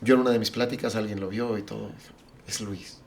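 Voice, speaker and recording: Here a middle-aged pastor guesting on a podcast tells a personal tale, voicing what relatives and friends said with lively energy. He speaks quickly in a lowish, creaky voice, and there's slight background noise.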